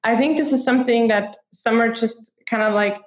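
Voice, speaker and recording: A young woman from Austria talks in a casual, chatty way, leaning on "like" as a filler. Her voice sits a bit high. The recording is roomy and somewhat muffled. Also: normal speed. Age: 20s. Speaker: guest, product marketer. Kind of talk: casual interview talk. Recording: echoey room, dull lo-fi sound.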